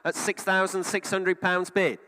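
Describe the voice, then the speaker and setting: Bright-voiced British auctioneer in a reverberant hall. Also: male voice, sits high, flat delivery, a little slow, smooth. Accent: British English. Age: middle-aged. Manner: repeats bids in a running patter. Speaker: car auctioneer. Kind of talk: live auction bid calling with chatty asides.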